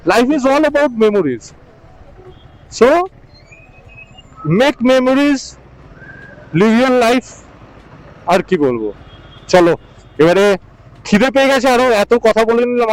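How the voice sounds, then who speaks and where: A man's voice: extremely high pitch, sing-song, measured pace, pauses often, rough recording. A man narrating a casual motorcycle travel vlog while riding, chatty and coaching his pillion with short repeated instructions. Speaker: motovlogger. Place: outdoors on a motorbike on the highway.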